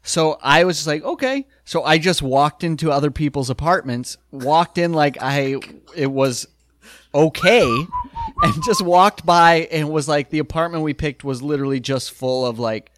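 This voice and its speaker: A grown man telling a wild story in casual chat, animated and laughing, swearing freely. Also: on the high side, normal speed, dry recording, studio quality. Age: adult, older than college age.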